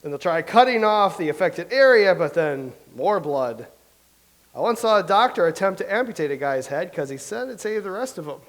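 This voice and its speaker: A man performs the role of a vain, anxious playwright in a staged comedic reading, rambling nervously and feeling sorry for himself. His high voice has lively intonation and a moderate pace. The recording quality is low.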